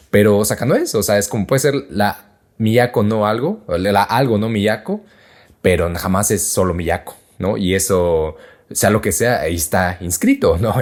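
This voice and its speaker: A man's voice: fairly low pitch, darkish tone. A man with a Mexican accent hosting a podcast, explaining things in a casual, slangy way with lots of fillers and restarts. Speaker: podcast host.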